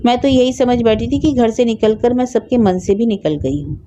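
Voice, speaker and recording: A gentle, long-suffering young sister-in-law in a storybook reading, speaking softly and a touch higher than the narrator's own voice, as a woman reader puts her on. Her timbre is warm and mellow. The recording is slightly dull and lo-fi. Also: moderate pace, lightly acted. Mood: wistful. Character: patient, gentle young sister-in-law, soft-spoken and wistful.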